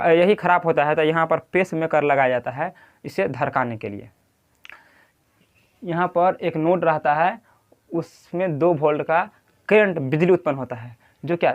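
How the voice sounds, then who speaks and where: A man's voice: fairly high pitch, moderate pace, pauses often, lo-fi sound. A man with a Bihari accent teaching a lecture, who keeps asking the class questions and repeating key terms. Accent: Bihari Hindi. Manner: quizzing, repeats key terms, drawing at a board.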